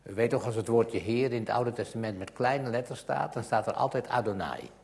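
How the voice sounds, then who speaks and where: A man preaching a sermon and reading from the Bible, growing emphatic and louder on scripture and dropping to a hush at times. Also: medium pitch, expressive, fairly quick, creaky.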